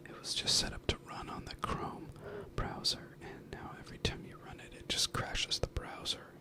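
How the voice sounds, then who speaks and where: A man whispers right up at the ear in a casual ASMR ramble. His voice is unvoiced and hushed throughout, close-miked as he talks in an informal, wandering way. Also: moderate pace. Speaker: ASMR video creator. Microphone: close binaural mic, ear to ear.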